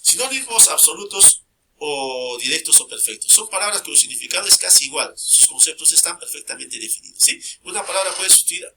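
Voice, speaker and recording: A man's voice: a little high, animated, brisk, gravelly, background noise. A man teaching a grammar lesson, repeating key terms and checking in constantly with short questions to his students.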